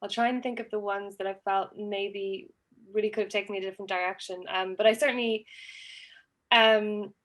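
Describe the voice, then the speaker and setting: A woman's voice: mid-range voice, steady tone, fairly quick. A woman who grew up in Switzerland, answering on a panel in a thoughtful way and often restarting her sentences. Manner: thoughtful, self-correcting, with restarts. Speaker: panelist, alumna.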